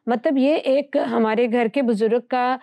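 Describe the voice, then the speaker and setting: A woman's voice: fairly high pitch, steady tone, dark tone, no echo. A woman teaching from the Bible in conversation, earnest and fond of rhetorical questions.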